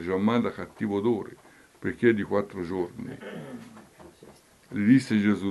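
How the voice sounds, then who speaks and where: A man, a priest giving a homily who reads scripture, then swings between loud calls and near whispers. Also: low-pitched, gravelly.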